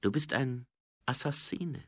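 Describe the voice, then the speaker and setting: A man voicing a gruff, dry-witted male city watch commander who talks in an understated way. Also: mid-range voice, unhurried, no echo, pitched above the performer's own voice.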